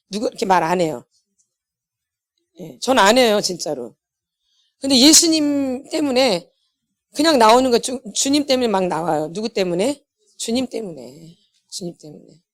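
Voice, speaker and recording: Middle-aged woman, preacher, emphatic, blunt, question-and-answer delivery, repetitive, mid-pitched voice. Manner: emphatic, repeats herself, asks the audience questions and answers them; blunt and self-deprecating. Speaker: pastor's wife and healing ministry lecturer. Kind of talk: sermon.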